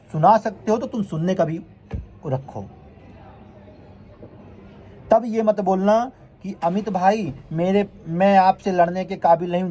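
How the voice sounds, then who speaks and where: A man's voice: fairly high pitch, warm tone, slight background noise. A vlogger who is a man, delivering a heated, confrontational rant straight to his viewers and repeatedly scolding his critics.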